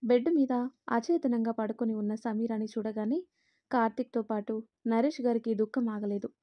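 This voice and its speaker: A woman storyteller reading a family drama in a steady, expressive way. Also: a little high, moderate pace, dry recording, lo-fi sound. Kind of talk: scripted narration of a family drama.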